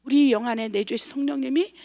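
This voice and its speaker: A middle-aged woman pastor delivers a sermon in a high, bright-pitched voice. She presses her points with rhetorical questions to the congregation. She swings from forceful stresses to soft, almost whispered asides. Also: fast, creaky. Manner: emphatic preaching with frequent rhetorical questions; swings between loud stresses and hushed, near-whispered asides. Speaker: missionary pastor.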